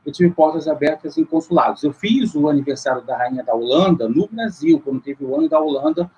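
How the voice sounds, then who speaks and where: A man's voice: on the high side, animated, a little fast, a little mellow, husky, lo-fi sound. A middle-aged man from Rio de Janeiro, a guest on a video call, telling his story at length with many fillers and restarts. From Rio de Janeiro, Brazil. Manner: long rambling account with many fillers and restarts. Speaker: guest, luxury market CEO. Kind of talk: interview over video call.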